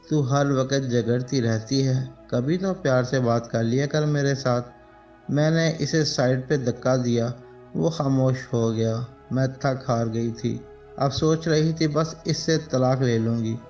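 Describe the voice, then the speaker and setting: A man narrating a sad first-person story in a slow, mournful scripted reading, telling a woman's story in her voice. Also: mid-range voice. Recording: dull lo-fi recording with soft background music.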